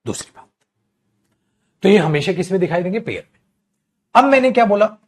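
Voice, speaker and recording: A man's voice: sits high, very animated, brisk. A man teaching English grammar in an online class, calling students "beta" and repeating key terms, acting out little scenes with students and their mothers. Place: streaming class, checking live comments.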